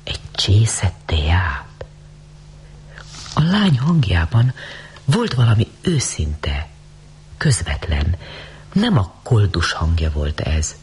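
A man narrating a story as an audiobook, reading in an expressive, dramatic way. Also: fairly low pitch, slight background noise.

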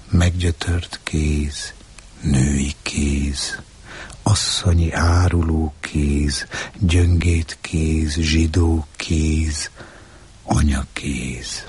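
Hushed, very breathy low-voiced man. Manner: hushed, often whispered narration. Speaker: narrator. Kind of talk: literary reading.

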